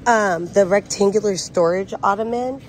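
A woman's voice: medium pitch, moderate pace, rough recording. A woman chatting casually to her phone camera as she walks a supermarket aisle, eagerly pointing out bargains. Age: adult with a son. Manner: chatty, enthusiastic about bargains. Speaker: shopping vlogger. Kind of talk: casual shop-with-me narration. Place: indoors in a discount supermarket aisle. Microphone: handheld phone camera. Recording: store noise in the background.

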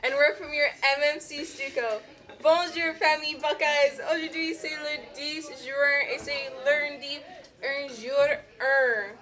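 High, bright teenage girl on school intercom. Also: steady tone, a little slow. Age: teens to young adult, high school student. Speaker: student announcer. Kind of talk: scripted school intercom morning announcements. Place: indoor school office. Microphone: telephone handset of school PA, seen.

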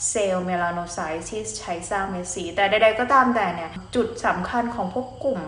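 A woman's voice: medium pitch, a bit bright. A woman doctor hosting her channel, explaining skin and hair care in a chatty, polite way. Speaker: dermatologist host. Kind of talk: casual explainer talk. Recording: roomy echo, faint noise.

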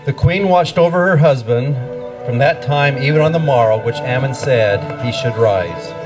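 On an outdoor wooded stage, a middle-aged man reads scripted scripture narration for a pageant into a handheld microphone running through a PA. His voice is medium-pitched and moderately paced, music plays in the background, and the recording quality is low.

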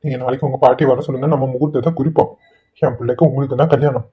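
A man's voice: medium pitch, fairly even intonation, very fast, breathy edge. A man voicing an ailing, remorseful middle-aged village father in a cartoon, pleading through tearful apologies. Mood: resolved. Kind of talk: Tamil cartoon voice acting. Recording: tinny phone-like lo-fi audio.

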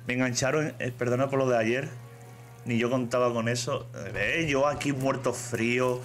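A man's voice: medium pitch, fairly even intonation, normal speed, fairly bright tone, faint music behind. A man with a Spanish accent chatting casually on a live stream, reading chat aloud and saying "tío" a lot.

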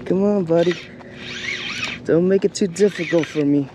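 A man's voice: on the high side, normal speed. A man in his thirties giving casual vlog commentary on his fishing trip, laid-back and chatty with lots of fillers, recorded outdoors on a shoreline with an action camera. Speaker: fishing vlogger. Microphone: action camera, hand-held or chest-mounted. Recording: faint outdoor noise.

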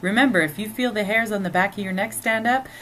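A woman's voice: mid-range voice, quick pace, a bit bright, poor audio. A woman hosting a commentary show, talking in an earnest, speculative way. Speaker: host. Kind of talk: scripted commentary.

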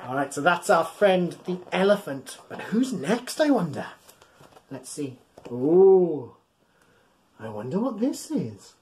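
This man in his thirties has a high voice with big swings in pitch and a darkish tone. Reading aloud to young children at bedtime, he exaggerates playfully and encourages them, throwing in questions and pauses. He's recorded in a cozy home room packed with stuffed toys.

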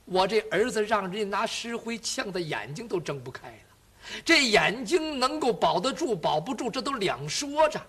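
A devoted old general and father, earnest and imploring, his voice rising high and strained, as a male storyteller plays him. The tone is bright, with a husky rasp. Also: sing-song, moderate pace, full character voice. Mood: anxious.

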